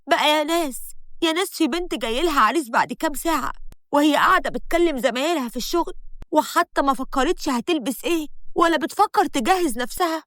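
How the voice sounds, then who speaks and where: A woman's voice: sits high, quick pace, fairly bright tone, no echo, studio quality, pitched above the performer's own voice. A woman voicing a fretful, scolding middle-aged mother, with an Egyptian accent. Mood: exasperated. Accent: Egyptian Arabic. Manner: exasperated nagging.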